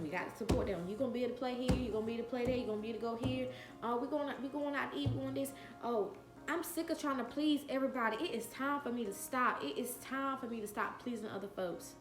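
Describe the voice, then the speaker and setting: Reverberation colors the voice of a woman in her late twenties, whose pitch leans high. On her vlog she earnestly recounts a personal experience, stressing her point by saying key phrases again and again.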